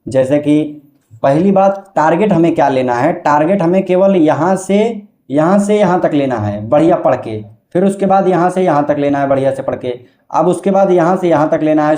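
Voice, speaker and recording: Guy teaching how to chant verses, mellow higher voice, echoey room. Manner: explains plainly, then chants verses slowly and melodically. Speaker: devotional teacher. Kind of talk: casual tutorial with chanted verse.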